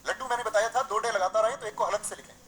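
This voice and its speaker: A man teaching a live online grammar class. He keeps asking his students rhetorical questions, reads example sentences aloud slowly before correcting them, and calls the students dear friends. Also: high-pitched, fairly bright tone, slight background noise, low-quality recording.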